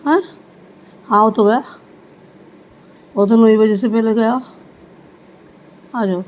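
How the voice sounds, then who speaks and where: A woman's voice: on the high side, slow pace, rough recording. Middle-aged woman, casual vlog chat, faint traffic noise behind. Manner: chatty, often thanks God, speaks to viewers directly. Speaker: vlogger.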